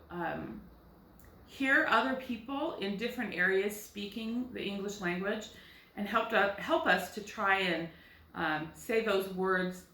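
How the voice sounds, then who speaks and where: A woman's voice: mid-range voice, bright, forceful tone, distant mic. A woman with an American accent, a first grade teacher giving a recorded phonics lesson. She explains patiently and asks questions that she answers herself. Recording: echoey room, voice set back from the mic.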